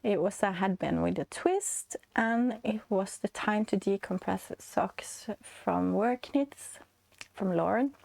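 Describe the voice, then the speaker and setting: A Norwegian woman in her forties with a stuffy, congested voice, chatting casually as a knitting vlog host, hesitant with many fillers and soft laughs. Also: medium pitch, slow pace, gravelly, no echo. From Norway. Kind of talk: casual chat.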